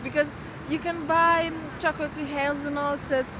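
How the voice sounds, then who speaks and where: A woman from Montenegro answering street interview questions in a relaxed, hesitant way with many fillers. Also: high-pitched, moderate pace. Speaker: passer-by being interviewed. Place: outdoors at a castle in a city. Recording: clear street noise behind.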